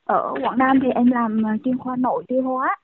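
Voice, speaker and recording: A woman's voice: high-pitched, steady tone, brisk, slight background noise. A young woman doctor in her thirties, speaking by phone in an earnest, conversational way with frequent fillers. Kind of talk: phone interview. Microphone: telephone. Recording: tinny dry phone line.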